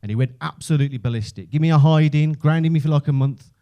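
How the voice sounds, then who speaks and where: A man's voice: on the high side, quick pace, dark tone. A man with a Birmingham Brummie accent telling stand-up stories in a conversational, self-deprecating, sweary way. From Birmingham, England. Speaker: stand-up comedian. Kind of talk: stand-up comedy storytelling.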